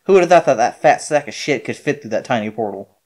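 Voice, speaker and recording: A man casually commentating his own shooter playthrough, animated and swearing, cracking jokes. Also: mid-range voice, fast. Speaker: gamer playing through a shooter.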